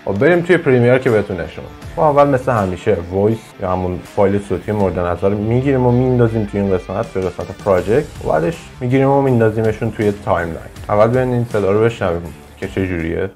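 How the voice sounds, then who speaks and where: A man narrating a casual software tutorial, explaining step by step in an informal way. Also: on the low side, expressive, few pauses, soft background music. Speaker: video editing tutorial host.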